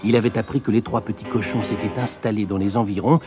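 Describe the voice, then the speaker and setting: A man reading a fairy tale aloud, with expressive storytelling. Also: on the low side, quick pace, music in the background.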